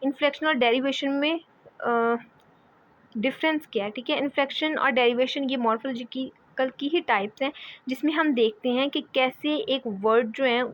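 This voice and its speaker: A woman giving a lecture as a teacher, often checking in with "okay" and pausing with fillers. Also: sits high. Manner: repeats "ठीक है", hesitant fillers. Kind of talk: explaining lecture. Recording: dull lo-fi audio.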